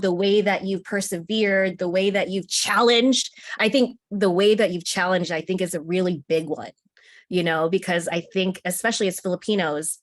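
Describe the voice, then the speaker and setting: This American woman has a medium-pitched voice with no echo. As an interview guest and contributing author, she chats casually, earnest and encouraging, and laughs often while speaking.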